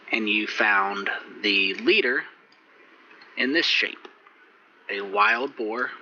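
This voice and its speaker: Bright-voiced man running a tabletop game. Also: fairly low pitch, dull audio, a little hiss or hum. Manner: relaxed, rambling with fillers and restarts. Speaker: game master.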